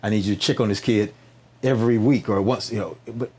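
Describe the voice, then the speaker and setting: Slightly rough and lowish, this man's voice holds a steady tone at a little faster than normal pace. He's a nonprofit founder guesting on a podcast, spinning animated conversational stories in interview form with preacher-style repetition for emphasis, rhetorical questions, and lots of check-in tags.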